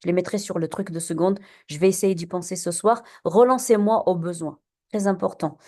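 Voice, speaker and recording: Heard via an in-room recorder, a woman teaching poetry has a warm, mellow voice pitched fairly low. She's patient, keeps quizzing the class, and stumbles into many hesitations and restarts.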